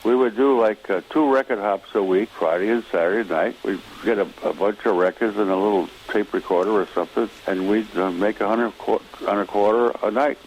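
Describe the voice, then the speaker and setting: A man's voice: fairly low pitch, a little fast, few pauses, a little mellow, a little hiss or hum, low-quality recording. An older man, a former radio DJ, reminiscing in an interview in a chatty, joking way, his voice worn with age. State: aging, fading voice.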